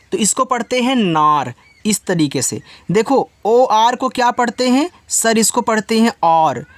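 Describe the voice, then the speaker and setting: Patient teacher, dry sound. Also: male voice, high voice, dry recording. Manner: patient, repeats and asks rhetorical questions. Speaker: English teacher. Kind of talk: spelling and reading lesson.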